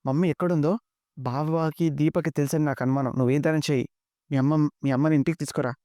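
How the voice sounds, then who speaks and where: A man voicing a cold, calculating young woman who plots against her family, read rapidly and dry. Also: on the high side, fairly even intonation, mellow, no echo, close to an everyday voice. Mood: defiant. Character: scheming young woman villain, cold and ambitious.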